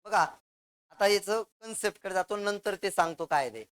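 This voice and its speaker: A male teacher works through a grammar lesson with a smooth, resonant voice. He explains each point step by step with examples, keeps tossing quick questions at the class, and supplies the answers himself. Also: sits high, animated, a bit bright.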